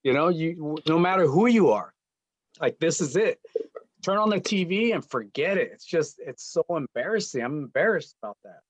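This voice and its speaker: A man's voice: on the high side, lively intonation, moderate pace, dry recording. A man speaking earnestly in a casual panel chat, often saying "you know". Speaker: panel guest.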